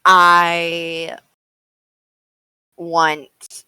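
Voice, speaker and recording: A woman's voice: lowish voice, completely flat delivery, extremely slow, pushed and bright, smooth, no room sound, poor audio. A woman playing a tabletop role-playing game, giggly and flustered as she talks in character. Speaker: player.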